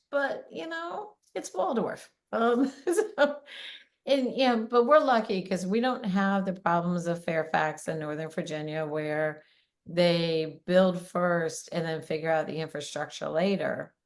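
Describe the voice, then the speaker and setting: Chatty lower-voiced woman hosting a podcast. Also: takes it slowly. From Maryland. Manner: chatty, animated storyteller who breaks into laughter. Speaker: podcast host, realtor. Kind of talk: casual conversational interview.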